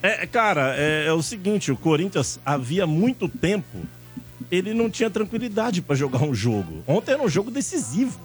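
A man's voice: high voice, big pitch swings, normal speed, faint music behind. A Brazilian man on a sports panel talking football in an emphatic, colloquial way. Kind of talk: animated football debate.

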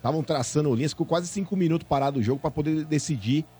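Rapid, husky-voiced Brazilian sports panelist, male. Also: on the high side, warm tone. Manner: slangy, opinionated. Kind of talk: casual sports banter.

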